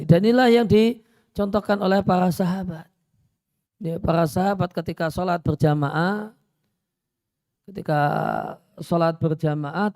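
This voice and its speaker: A man preaching a religious study lecture in a conversational way, repeating phrases, dropping in Arabic, and often pausing on "ya". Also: fairly high pitch, darkish tone, no room sound, clean studio sound. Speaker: Islamic preacher.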